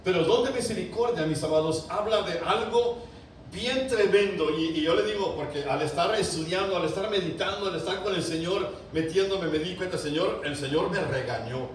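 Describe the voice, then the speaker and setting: A man preaching a sermon to his congregation, fervent, with loud emphatic peaks, quiet drops and many rhetorical questions. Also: high voice, moderate pace. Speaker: pastor. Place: large church sanctuary. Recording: very echoey church, voice from a distance, faint room hiss.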